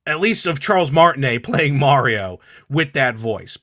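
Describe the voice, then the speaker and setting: A man's voice: mid-range voice, animated, a bit bright. A man co-hosting a podcast, chatting casually and enthusiastically, often cutting in to agree. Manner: enthusiastic, quick to agree and interject. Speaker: podcast co-host. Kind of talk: casual chat.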